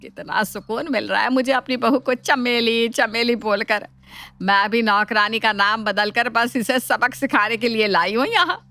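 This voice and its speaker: Lady doing a mean scheming cartoon saas, bright and sharp, mocking tone. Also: fairly high pitch, moderate pace, dry recording, faint music behind. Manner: taunting, mocking. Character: scheming, sharp-tongued mother-in-law, taunting. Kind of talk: cartoon voice acting.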